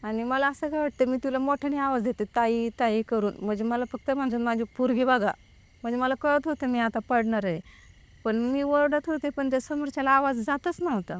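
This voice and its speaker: A young woman speaks in a high-pitched, smooth voice at a slightly fast pace, with no echo in the recording. As a guest, she tells a casual spoken account of her own experience, retelling it through many quoted exchanges with the people involved.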